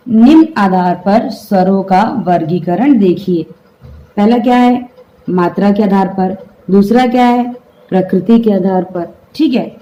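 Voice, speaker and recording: A woman's voice: mid-range voice, warm tone, lo-fi sound. A woman teaching a grammar lesson, explaining step by step and having the class say the sounds aloud.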